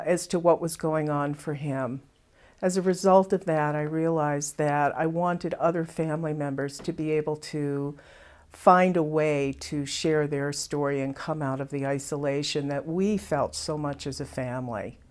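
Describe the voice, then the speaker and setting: A woman who founded a theater program, calmly and earnestly explaining how it began and what it does. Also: low voice. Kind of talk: interview narration.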